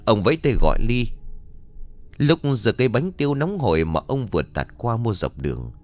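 A man's voice: medium pitch, big pitch swings, normal speed. A man narrating a horror story in a dramatic storytelling manner. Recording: dry studio voice with faint background music.

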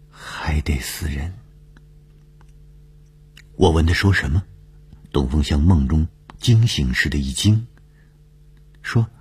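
A man narrating a suspense story in measured, deliberate audiobook style. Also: rumbling low, breathy edge.

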